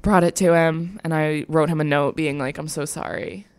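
Low, smooth-voiced young woman telling a story. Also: fairly even intonation, moderate pace, a little mellow, no echo. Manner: candid, rambling storytelling with many likes. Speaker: podcast co-host. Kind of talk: casual chat.

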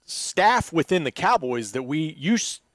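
A man's voice: on the high side, big pitch swings, measured pace, a bit bright, no room sound, clean studio sound. Reflective man on a sports podcast. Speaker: podcast co-host. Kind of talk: casual sports podcast chat.

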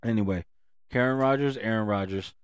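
Smooth low-voiced guy hosting sports chat. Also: brisk, no room sound, clean studio sound. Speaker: sports talk show host.

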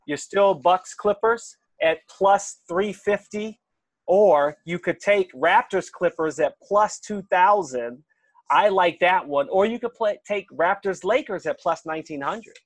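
A man leads a casual sports betting chat, reading odds and asking his co-host questions. His voice is fairly high for a man, and the sound is dry and close. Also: a little slow, dry recording. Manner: leads the talk, reads odds, asks questions.

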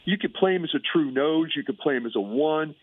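A man's voice: fairly high pitch, expressive, fairly quick, dry recording. A man calling in as a guest analyst, rambling in casual chat with lots of fillers. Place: calling in remotely. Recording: tinny phone line.

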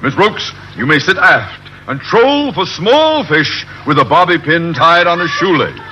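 Pompous blustering American man, wildly animated. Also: a little high, measured pace. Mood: pompous, commanding. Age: middle-aged. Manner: pompous, grandiloquent, theatrical. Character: pompous, blustering middle-aged man playing captain, cowardly underneath. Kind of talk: old-time radio sitcom acting. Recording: noisy old radio broadcast, loud studio audience.

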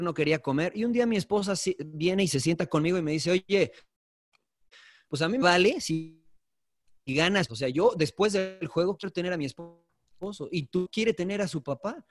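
A man with a Mexican accent and a notably high-pitched voice pushes his case in a loose sports-talk debate. He speaks emphatically, cutting in, retelling stories and pressing questions on his co-hosts. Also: expressive, moderate pace. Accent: Mexican Spanish. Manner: argumentative, storytelling, emphatic. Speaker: podcast co-host, sports commentator. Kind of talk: heated casual debate.

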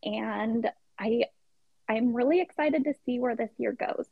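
A woman's voice: a little high, a little slow, vocal fry, husky, no room sound. A middle-aged woman, a podcast guest, telling her story in casual, chatty conversation. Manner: chatty storytelling with frequent laughs. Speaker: podcast guest, pageant contestant. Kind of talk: casual interview chat. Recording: dull lo-fi sound.

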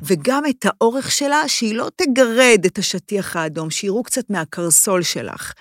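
A woman's voice: mid-range voice, no echo, clean studio sound. A woman with an Israeli accent chatting and commenting on fashion as a podcast host, emphatic and theatrical, repeating words and mixing in English. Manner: emphatic, theatrical, with repetitions and English phrases mixed in. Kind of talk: casual chat and fashion commentary.

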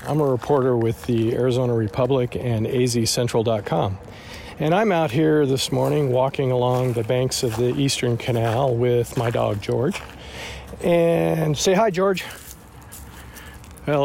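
A man's voice: medium pitch, mellow, a little hiss or hum. A man working as a newspaper reporter, chatting casually while walking along a canal with his dog.

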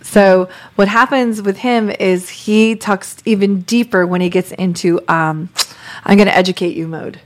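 A woman's voice: mid-range voice, steady tone. A woman hosting a chatty podcast about coaching. She talks casually with her co-hosts, agreeing often and explaining ideas with examples. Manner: quick, affirming, lots of "yeah". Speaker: leadership coach, podcast host.

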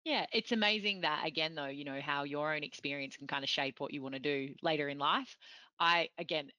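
Chatty woman host, bright voice. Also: low-pitched, a little fast, no room sound, lo-fi sound. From from outside Europe. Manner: chatty, self-deprecating, rambling. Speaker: interview host. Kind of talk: casual interview chat.

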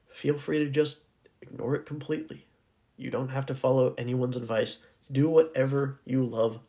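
A man with a raspy, hoarse voice talking casually and earnestly as the solo host of a podcast. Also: mid-range voice, a little mellow. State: hoarse, needing to clear his throat.

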